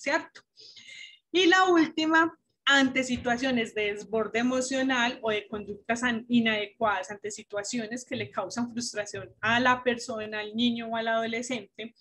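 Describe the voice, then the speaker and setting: A woman gives a teaching talk to parents over a video call. Her voice sits a little high, and she moves through her points with rhetorical questions. She sounds like a patient, methodical workshop speaker. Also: fairly bright tone. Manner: didactic, asks rhetorical questions.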